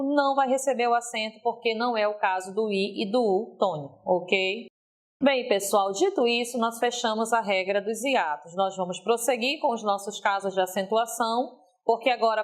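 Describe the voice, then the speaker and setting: Didactic woman teacher. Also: a little high. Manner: didactic, stretches example words slowly, frequent "ok?". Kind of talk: recorded video lesson.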